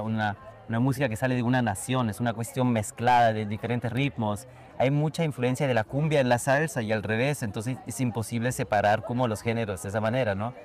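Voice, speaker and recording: Talkative man DJ, mid-pitched. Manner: enthusiastic, talkative, lots of fillers. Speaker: guest DJ. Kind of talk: casual conversation.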